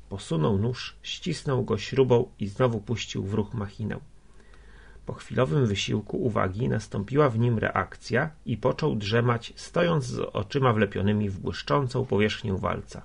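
A man narrating a literary story in a measured, steady way, with a gravelly, husky voice. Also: fairly low pitch. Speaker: audiobook narrator.

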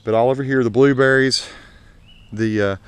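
Walking through his home garden with an action camera, a man gives a folksy, unscripted, conversational tour as casual vlog narration outdoors. His medium-pitched voice is clear and resonant, with fairly even intonation and a moderate pace, and there's no room sound on the action camera mic.

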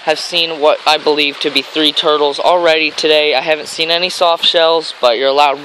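This is an American fishing vlogger narrating in a rambling, upbeat style, his fairly high voice brisk, steady, bright and forceful. He's outdoors on a grassy riverbank, captured in low quality by a handheld camera mic alongside stream and traffic noise.

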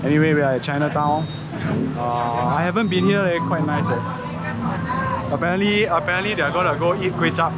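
A man's voice: fairly high pitch, a little fast. A man, chatting casually and with exclamations as he vlogs outdoors. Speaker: motovlogger. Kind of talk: casual vlog chat. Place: outdoors on busy city streets at night. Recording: music behind the voice. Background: music, vehicles, street noise.

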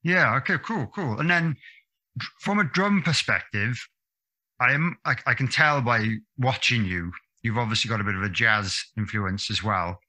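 Over a webcam video call, a thirty-something podcast host keeps a friendly interview chatty and upbeat, laughing quickly. His medium-pitched voice sounds pushed and bright.

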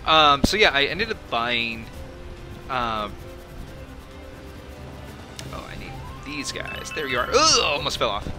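Chatty guy doing let's-play commentary, lots of ums, game music clear underneath. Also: medium pitch, big pitch swings, slow pace, long pauses. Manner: rambling, chatty, many fillers. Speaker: gameplay commentator. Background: video game music.

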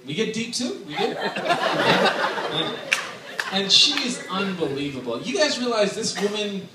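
This thirtysomething best man has a high-pitched voice with big pitch swings and takes his joking toast slowly, chatting and laughing between lines. He's on a handheld mic through speakers in a large indoor wedding tent with a dance floor, recorded from a distance. The tent echoes and the noise is loud, with wedding guests laughing and cheering throughout.

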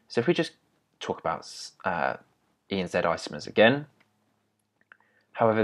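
A young chemistry tutor works through the material step by step at a whiteboard, explaining patiently with small restarts. His voice sits low and sounds a bit bright.

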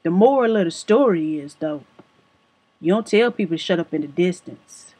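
A woman vlogger telling a comic story in a brash, profane, deadpan manner with a husky voice. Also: fairly low pitch, normal speed.

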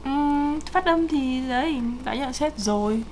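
A woman's voice: high-pitched, unhurried, darkish tone, slight background noise. A woman, co-hosting and giving casual, chatty feedback on pronunciation. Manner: chatty, explains at length. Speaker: co-host correcting pronunciation.

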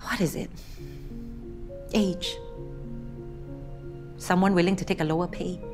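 A woman's voice: lowish voice, fairly even intonation, unhurried, music in the background, close to an everyday voice. A woman playing a weary, frustrated middle-aged mother looking for work, blunt and frank, in a naturalistic drama. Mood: angry, frustrated. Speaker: job seeker. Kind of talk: naturalistic screen drama acting.

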